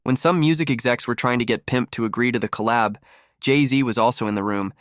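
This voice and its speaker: A man's voice: mid-range voice, a little fast, faint music behind. A man delivering scripted gossip commentary as a narrator.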